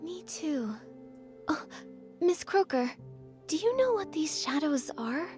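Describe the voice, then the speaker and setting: A woman voicing a gentle, brave young heroine in scripted game dialogue. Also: high-pitched, sing-song, slow, faint music behind, heavily acted. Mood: friendly.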